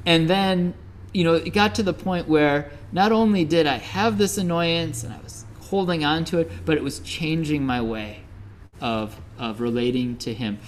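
A man's voice: mid-range voice, a little hiss or hum. A middle-aged Midwestern man giving a Buddhist dharma talk as a teacher, telling stories conversationally with many fillers. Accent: Midwestern American.

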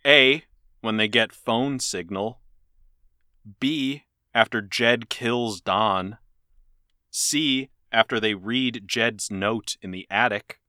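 A man chatting casually as a podcast co-host, his voice bright and forward. He rambles through jokey stories and laughs often. The sound is dry and close. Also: mid-range voice, slow pace, no room sound. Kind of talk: casual chat.

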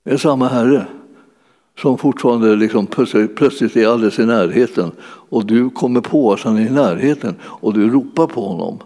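A man's voice: mid-range voice, mellow. A man preaching a sermon in a church hall, in a conversational way that keeps searching for words with many fillers. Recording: long hall reverb.

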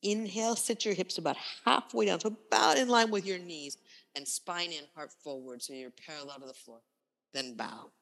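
A woman instructor guiding a yoga class with calm, unhurried cues in short, breath-led phrases. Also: on the low side. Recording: long reverberant room echo.

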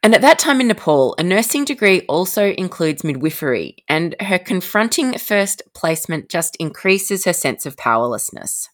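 A woman hosting a podcast and narrating scripted story segments in an expressive storytelling manner. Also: lowish voice, moderate pace, hardly any pauses.

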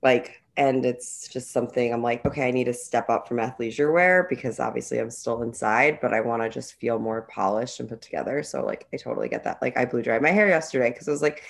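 This young woman co-hosting a podcast has a very deep, creaky voice and speaks briskly with few pauses. Her casual chat rambles in bursts, packed with "like" fillers.

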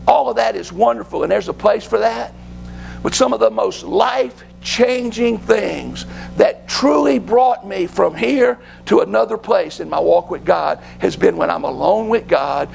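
A man preaching a fervent sermon in church, sometimes falling to a hush. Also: high voice, creaky, a little hiss or hum, low-quality recording. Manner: fervent, dropping to hushed whispers.

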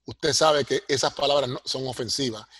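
A man's voice: mid-range voice, moderate pace, a bit bright, breathy edge, no room sound, studio quality. A middle-aged man, a sociology professor answering interview questions earnestly, often checking with "¿ve?". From Puerto Rico. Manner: earnest, explanatory, asks "¿ve?" for agreement.

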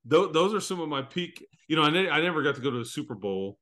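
A man's voice: fairly high pitch, sing-song, fast talker, fairly bright tone. A man in his fifties hosting a sports podcast, telling long, rambling stories about old games. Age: 50s. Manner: rambling, reminiscing storyteller. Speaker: podcast host. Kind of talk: casual sports podcast chat.

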